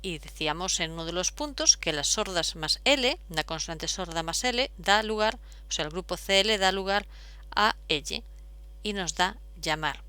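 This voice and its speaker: A woman's voice: fairly low pitch, lively intonation, moderate pace, sharp tone. A woman, explaining step by step as a teacher, patient, with frequent fillers. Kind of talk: explaining at a whiteboard.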